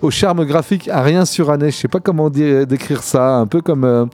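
A man's voice: a little high, normal speed, a little mellow. A man hosting a casual radio show about comics, often stumbling and searching for words. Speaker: radio host reviewing comics.

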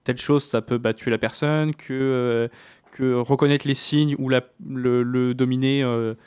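A man on a panel explaining his views casually, in halting stretches with self-corrections. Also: medium pitch, fairly even intonation, a little mellow, clean tone. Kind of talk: casual discussion.

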